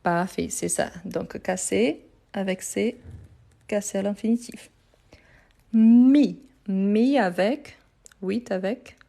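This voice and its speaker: A woman's voice: mid-range voice, fairly even intonation, slow pace, creaky, mellow. A woman teaching French in a live online grammar lesson, recorded on her phone, patiently repeating answers and praising students.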